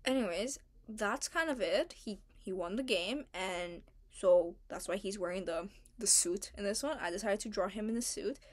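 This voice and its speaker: A woman's voice: mid-range voice, normal speed. A young adult woman giving a casual, chatty voice-over about her drawings and characters, in informal, slangy wording. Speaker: artist narrating own original characters.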